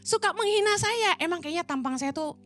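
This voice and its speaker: Chatty high-voiced woman preacher. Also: animated, a little fast, fairly bright tone. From Indonesia. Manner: chatty, colloquial, acts out quoted voices. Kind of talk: casual storytelling sermon.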